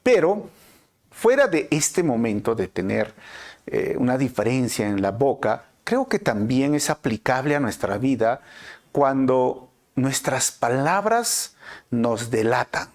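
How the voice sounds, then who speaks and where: A man with a Peruvian Spanish accent teaching a Bible passage in a conversational way, often checking in with his listeners. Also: slow pace. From Peru. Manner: conversational, frequent tag questions, animated swings in pitch. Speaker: pastor.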